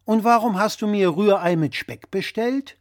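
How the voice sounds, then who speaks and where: A man's voice: high voice, normal speed, pitched above the performer's own voice, natural voice. A man voicing an exasperated grown son who answers with dry, wry replies.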